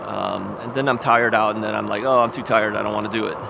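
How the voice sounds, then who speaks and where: Riding an ebike through suburban streets, a vlogger with a gravelly, creaky, lowish voice thinks aloud at a quick pace with fairly even intonation. He rambles, chuckles easily, and questions himself into a bike-mounted camera, with clear traffic and wind noise around him.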